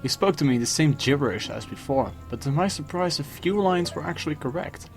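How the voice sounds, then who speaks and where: A man reading a scripted first-person horror story, dramatically, with pauses for suspense. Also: fairly high pitch, animated. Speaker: creepypasta narrator. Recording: music behind the voice. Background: music.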